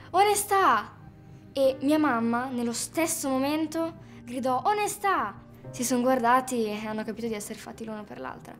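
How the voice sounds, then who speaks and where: A woman's voice: on the high side, fairly bright tone. A young woman playing a chatty daughter of party members in a mockumentary interview, talking in a confiding way.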